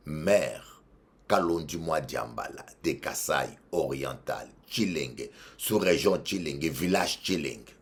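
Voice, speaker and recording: With an extremely low voice and a slow pace, this Congolese bishop speaks French-accented words full of lively intonation. His preaching is forceful and repetitive, rising loud and then dropping soft.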